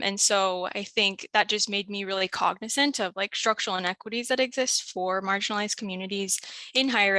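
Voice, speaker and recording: A woman's voice: mid-range voice, sharp tone, no room sound. A woman in her thirties, a university staff member speaking casually on a panel with many "um" and "like" fillers. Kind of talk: panel talk about her career.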